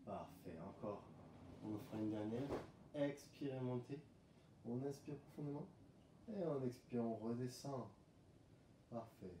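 A man leading a home pilates class, calmly calling out breathing cues and movements. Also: medium pitch, measured pace, pauses often, background noise. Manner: calm coaching cues, breath counting. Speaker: pilates instructor. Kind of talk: guided workout instruction. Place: room at home. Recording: roomy, distant camera mic.

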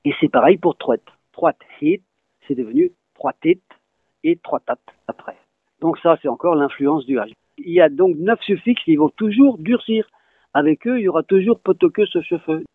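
A man with a gravelly, creaky voice that rises and falls a lot as he explains, spelling words out letter by letter. The sound is thin and phone-like, with a dry, close feel and no room echo. He talks like a patient teacher answering an interviewer. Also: a little high, lively intonation, normal speed. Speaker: Breton language teacher.

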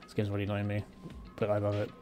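A man's voice: lowish voice, completely flat delivery, quick pace, mellow, faint music behind. A man doing profane, joking let's play commentary while reading game dialogue aloud. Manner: crude joking, profane asides. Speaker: gaming streamer.

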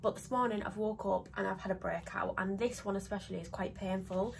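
A young beauty vlogger in her twenties, congested with a cold, chats to a close phone camera in a small home office, rambling with lots of ums. Her mid-range voice is gravelly, steady in tone, and fairly quick, with a little hiss or hum in the background.

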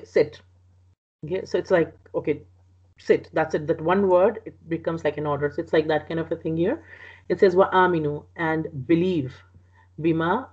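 A woman's voice: on the low side, darkish tone, breathy edge, muffled recording. A woman teaching a lesson on word meanings, explaining patiently with frequent fillers and restarts. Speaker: Quranic Arabic teacher.

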